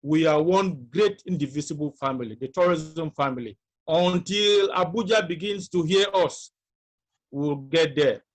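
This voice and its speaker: A man speaking slowly and earnestly during an online meeting. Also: on the high side, rough recording. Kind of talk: casual online meeting remarks.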